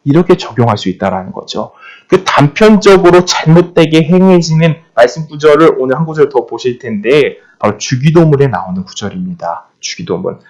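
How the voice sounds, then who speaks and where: A man preaching a sermon, his pitch rising and falling in a lively, animated way. He keeps asking rhetorical questions and repeats key phrases to drive each point home. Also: brisk.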